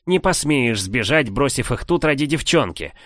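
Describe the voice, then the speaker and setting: A man's voice: mid-range voice, expressive, normal speed, no echo, studio quality, voice pushed up, lightly acted. A man voicing an angry, domineering older king who scolds his nephew in a raised voice. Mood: indignant.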